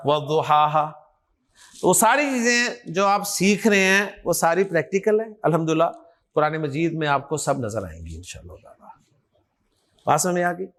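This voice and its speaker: A man's voice: high-pitched, fairly bright tone. A male Quran grammar teacher with an Urdu accent, giving a classroom lecture and quizzing his students back and forth. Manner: quizzing, call-and-response, coaxing students.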